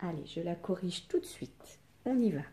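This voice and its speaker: A woman teacher giving a slow, patient reading lesson to young children, sounding out syllables and asking the class questions. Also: fairly low pitch, lively intonation, warm tone. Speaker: primary school teacher.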